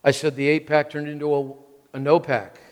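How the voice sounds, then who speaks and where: A slightly fast American preacher in his sixties, with a fairly high voice and little pitch movement, gives a sermon to a congregation. He uses short emphatic phrases and repeats them for weight, and a large hall's long reverb fills the recording.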